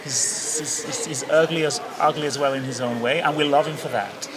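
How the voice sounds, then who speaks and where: A man's voice: a little high, steady tone, normal speed, crowd noise. A man hosting an interview, asking long, rambling questions with many restarts. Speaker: interviewer, host. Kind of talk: casual conversation.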